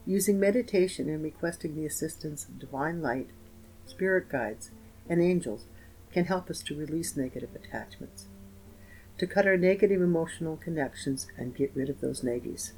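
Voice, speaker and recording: A man with a fairly high, soothing voice narrates a scripted guided meditation over soft instrumental guitar music. He speaks slowly and gently with pauses, though the recording is rough and carries a little hiss or hum.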